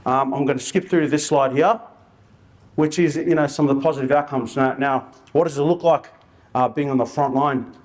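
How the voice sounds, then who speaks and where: His pace moderate and his pitch medium, a man presents informally about his outreach work, spinning colloquial, slangy stories and acting out the dialogue.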